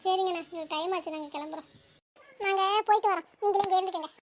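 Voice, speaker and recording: A talkative young wife in a cartoon comedy, voiced by a woman, teasing and sulking by turns. Her voice sits very high with little rise and fall. The words tumble out at great speed. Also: fairly even intonation, rapid-fire, a little hiss or hum. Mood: friendly. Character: chatty young wife Meena, sharp-tongued and sulky.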